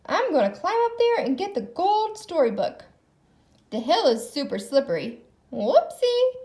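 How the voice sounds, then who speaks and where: Woman playing Goofy, high-pitched, good-natured clumsy hero. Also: wildly swooping pitch, unhurried, dark tone, reverberant, heavily acted. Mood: plucky.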